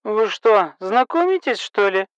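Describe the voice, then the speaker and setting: Man putting on a shrill drunk woman caller. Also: animated, measured pace, gravelly, smooth, no room sound, muffled recording, full character voice. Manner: slurred, shrill, bossy and flirty. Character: drunk, hiccuping, rude middle-aged woman caller.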